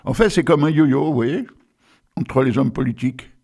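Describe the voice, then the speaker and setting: A man's voice: medium pitch, normal speed, a little mellow. An older man hosting a local radio show, chatting casually and rambling through asides between poems. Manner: chatty, digressive, frequent asides and fillers. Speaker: radio host reading poems. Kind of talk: casual rambling radio chat and poetry reading.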